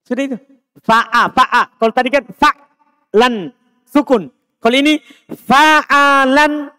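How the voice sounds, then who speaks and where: High-voiced Indonesian teacher drilling students, slow. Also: male voice, pushed and bright, smooth. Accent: Indonesian, Makassar. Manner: drills students with short repeated prompts. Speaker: Islamic teacher. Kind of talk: live Arabic morphology class. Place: mosque.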